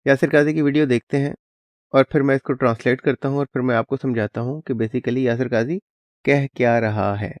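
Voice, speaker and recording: A man's voice: medium pitch, fairly even intonation, no echo. A man hosting his channel, explaining a clip in a plain conversational way and dropping English words into his speech. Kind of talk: casual explanatory commentary.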